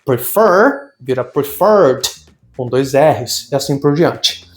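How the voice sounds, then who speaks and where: A man teaches English grammar in a lively, explanatory way, posing questions and then answering them. His voice rings out in an echoey room, with faint music playing underneath. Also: medium pitch, slow pace. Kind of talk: recorded grammar lesson.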